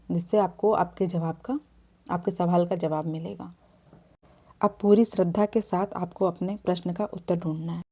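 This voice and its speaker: A woman hosting a devotional video, giving earnest step-by-step instructions in a calm explaining way. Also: on the low side.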